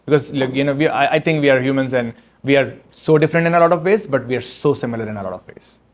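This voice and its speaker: A medium-pitched man, appearing as an author at his book launch, fields audience questions in an event room. He works through each answer slowly and haltingly, restarting often.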